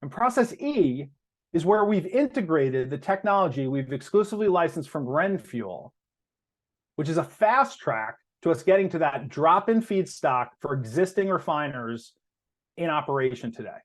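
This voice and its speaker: Here a man presents to investors as a company executive. His pitch is a bit high and his intonation very animated, and he explains methodically, emphasizing the main terms.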